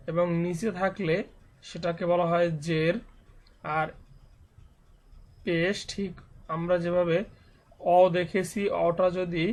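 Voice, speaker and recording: Slow, flat-voiced Bangladeshi man teaching. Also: high voice. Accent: Bangladeshi Bengali. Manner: patient, spells out letter drills one by one. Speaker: Quran reading teacher. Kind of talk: slow spoken lesson.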